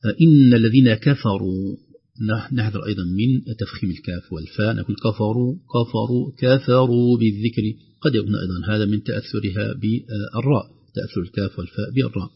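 A man teaching Quran recitation on the radio, calmly explaining rules and slowly modelling how each word is pronounced. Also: lowish voice, creaky, slightly rough. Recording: dull lo-fi radio broadcast.

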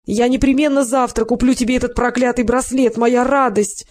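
A reader voicing a hot-tempered, jealous husband who pleads loudly with his wife. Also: mid-range voice, brisk, voice pushed up, natural voice. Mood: pleading. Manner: loud and pleading, emotional.

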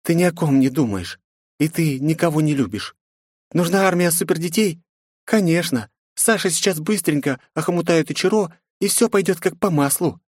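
A man's voice: on the high side, lively intonation, normal speed, no echo, studio quality, pitched above the performer's own voice. A man voicing a defiant, sarcastic eighteen-year-old princess in an audiobook, with cheeky, mocking retorts. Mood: scornful.

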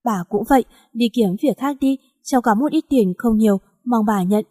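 A woman's voice: fairly high pitch, normal speed, warm tone, no echo, studio quality, in a large hall, close to an everyday voice. A woman voicing a heartbroken young woman in despair, tearful and pleading. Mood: weary.

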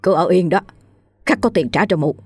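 A woman's voice: on the low side, husky, dry recording, studio quality, soft background music. Woman doing a crude, brash dog thief. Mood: scornful. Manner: coarse, swaggering, fast.

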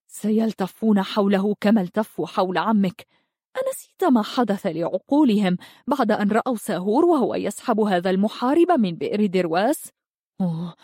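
A woman's voice: medium pitch, mellow, husky, dry recording, clean studio sound. A woman doing a fearful, trembling young queen. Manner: muffled, trembling. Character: anxious young mother queen, fearful and tense.

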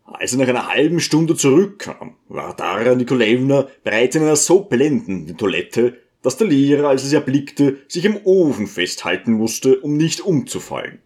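Lively male audiobook narrator. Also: mid-range voice, moderate pace, hardly any pauses. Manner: expressive storytelling. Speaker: audiobook reader.

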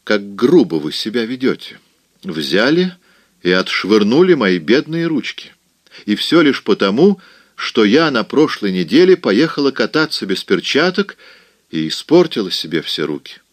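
A man voicing a proud, hot-tempered young Southern belle in an audiobook, with a sharp, mocking, coquettish delivery. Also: fairly low pitch, expressive, normal speed, dry recording, close to an everyday voice. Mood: coy.

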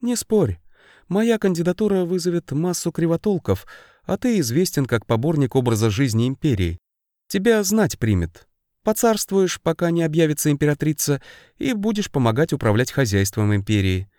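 Мужчина озвучивает хитроватого принца. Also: male voice, on the high side, big pitch swings, normal speed, dark tone, no echo, studio quality, voice pushed up. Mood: persuading. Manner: persuasive, mildly mocking. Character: sly young male prince, persuasive and lordly.

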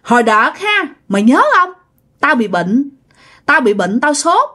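Woman putting on a mad old dad ghost in a ghost story, shrill, high and accusing, scolding nonstop. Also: big pitch swings, measured pace, pushed and bright, heavily acted. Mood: bitter accusing. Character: vengeful ghost of an old father, furious.

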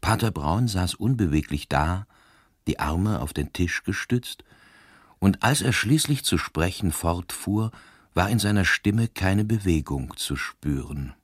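A man narrating a detective story in a slow, measured, sombre reading style from a radio studio. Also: low-pitched, lively intonation, husky, no echo. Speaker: reader.

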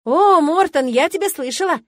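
A perky young noblewoman full of cheek and eager spirit, as the woman reading puts her on, her voice high and lifted well above a plain speaking tone. She chatters brightly in a dry, close studio sound, an audiobook girl with plenty of nerve. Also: animated, a little fast, no room sound. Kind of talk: audiobook character voice.

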